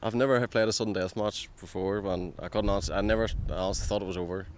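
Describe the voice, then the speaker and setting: A man's voice: low voice, steady tone, quick pace. A man, an amateur golfer chatting casually in an interview after a match. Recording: clear outdoor ambient noise.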